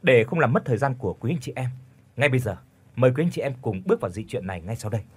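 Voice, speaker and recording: A man narrating a scripted folk story as host, dramatic and animated. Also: medium pitch, rapid-fire, breathy edge.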